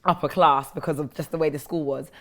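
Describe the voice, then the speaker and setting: Woman, deep voice, South London accent; interview guest recounting personal stories. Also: fairly even intonation, quick pace, fairly bright tone. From South London, England.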